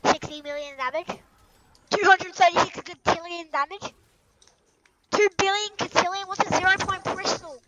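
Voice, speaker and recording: A woman with a high, bright voice talks through a game round. She keeps it casual and playful and breaks into sung lines and goofy sound effects. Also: normal speed, a little hiss or hum, low-quality recording. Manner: playful, sings and makes silly sound effects. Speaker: gaming channel host. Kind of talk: casual gameplay commentary.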